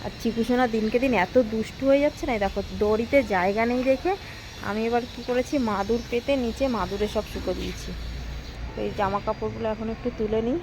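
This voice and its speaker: A woman's voice: quick pace, noisy background. A woman narrating her household chores in a casual home vlog, chatting to viewers. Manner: chatty, talks to her toddler in a high sing-song baby voice. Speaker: vlogger.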